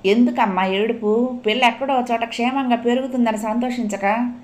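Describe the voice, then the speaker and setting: A blunt, streetwise man, read by a woman narrator in a storybook, matter-of-fact when he states hard truths and gently consoling afterwards. The voice stays close to her own reading voice. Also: on the high side, fairly even intonation, normal speed, pitched above the performer's own voice, close to an everyday voice.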